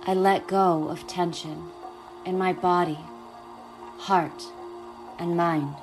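A woman guiding a meditation in a soft, soothing manner, speaking slowly and gently. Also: fairly low pitch, steady tone, music in the background. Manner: soft, slow, soothing delivery. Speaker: podcast host and meditation guide. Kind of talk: guided meditation.

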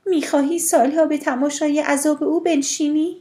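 Brief: a woman playing a calm, firm sister in an audiobook, measured and a bit higher than her narrating voice. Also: natural voice. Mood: calm reasoning. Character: steady, reasoning adult sister, calm and firm.

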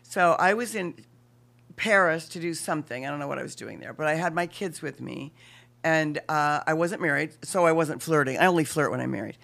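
A woman's voice: low-pitched, fairly quick, vocal fry, a bit bright. A woman telling a funny story in a casual chat with friends, laughing and acting out what people said. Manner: chatty, laughing, acts out quotes.

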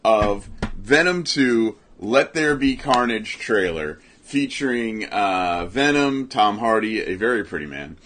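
A man's voice: on the low side, expressive, slow pace, a bit bright, slight background noise. Jokey rambling male podcast host. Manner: jokey, rambling, self-mocking. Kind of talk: casual comedic chat.

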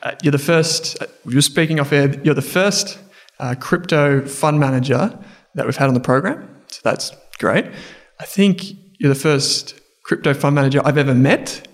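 A man's voice: fairly high pitch, normal speed. A man hosting an investing podcast interview, talking in a casual, chatty way with restarts. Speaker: podcast host.

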